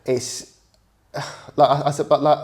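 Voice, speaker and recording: A man's voice: a little high, little pitch movement, slow pace, a little mellow. A man, co-hosting a casual podcast chat and stumbling through frequent restarts. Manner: stammering, many restarts and fillers. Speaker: podcast co-host.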